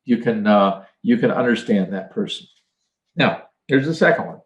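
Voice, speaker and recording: A man's voice: fairly low pitch, lively intonation, normal speed. Older man teaching leadership, echoey room. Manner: earnest, storytelling with acted quotes. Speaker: leadership trainer. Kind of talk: motivational talk.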